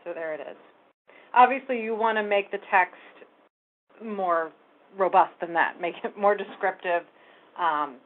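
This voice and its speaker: A woman's voice: mid-range voice, measured pace, long pauses. Lady doing a screen-share tutorial, chatty click-by-click explaining, thin phone-like sound. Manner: casual step-by-step explaining, talks while clicking. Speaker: real estate tech trainer. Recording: phone-like narrow band audio.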